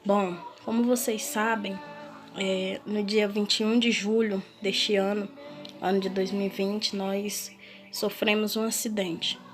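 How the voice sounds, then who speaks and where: A woman with a Brazilian Portuguese accent giving an emotional personal testimony, telling it earnestly and haltingly, often restarting her sentences. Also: mid-range voice, little pitch movement. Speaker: testimony speaker. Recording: music playing clearly behind.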